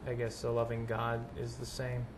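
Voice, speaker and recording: A man's voice: medium pitch, monotone, moderate pace, slight background noise. A man hosting a casual interview, asking his questions in a tentative, hesitant way. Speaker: host.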